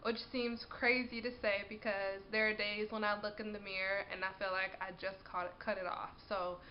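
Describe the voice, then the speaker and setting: A woman's voice: mid-range voice, level tone, moderate pace, dull audio, slight background noise. A woman in her twenties chatting to camera in a vlog, congested from a cold and sniffling, talking casually and laughing often. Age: 20s. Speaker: vlogger.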